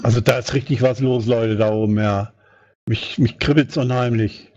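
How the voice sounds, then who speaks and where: A man's voice: medium pitch, steady tone, moderate pace, darkish tone, slight background noise. Man rambling in a lo-fi meeting. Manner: rambling, thinks aloud with fillers. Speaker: party board member. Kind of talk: meeting discussion. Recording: dull lo-fi sound.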